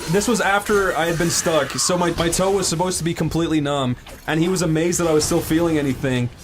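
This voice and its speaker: A man's voice: a little high, quick pace, noisy background. Young Irish man telling a rambling story. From Ireland. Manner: loose storytelling, swearing, laughing often. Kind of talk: casual chat.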